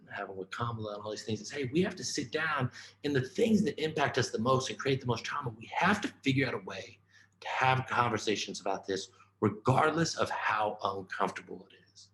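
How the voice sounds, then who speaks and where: A man giving a conference keynote, telling his life story in a casual, animated way, often saying "man" and "right?". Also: mid-range voice, roomy sound, a little hiss or hum, poor audio. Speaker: keynote speaker.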